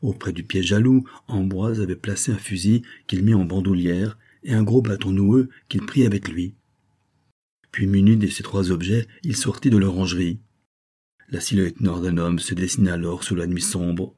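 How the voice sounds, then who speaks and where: Low, dark-voiced man reading a novel aloud. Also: steady tone, moderate pace, breathy edge. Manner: reads all characters, raising pitch for their lines. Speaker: audiobook reader. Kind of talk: scripted narration.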